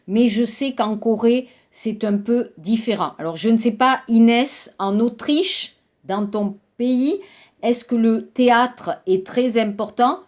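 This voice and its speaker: A woman's voice: a little high, darkish tone. A woman from France teaching a French class, explaining patiently and repeating phrases, with a few Korean words mixed in.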